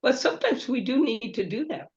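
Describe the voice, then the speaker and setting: A woman's voice: a little high, expressive, brisk, highs cut off. A woman telling a story in a casual group chat, laughing often and acting out what people said. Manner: chatty storyteller, laughs often, acts out quotes. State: prone to coughing. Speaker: group member.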